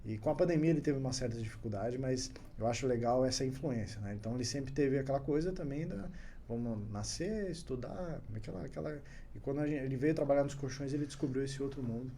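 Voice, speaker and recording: A man tells stories as a podcast guest in a lively, chatty way. His voice sits in the middle range. A faint hiss lies under the recording. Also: mid-range voice, fast talker. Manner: animated anecdote-telling, chuckles often. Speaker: guest entrepreneur. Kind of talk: casual podcast storytelling.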